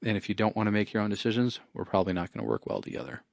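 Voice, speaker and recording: A man's voice: on the low side, animated, racing, gravelly, no room sound, clean studio sound. A man who works as an estate planning attorney, talking in a wry, conversational way and leaning on "you know". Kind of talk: casual spoken monologue.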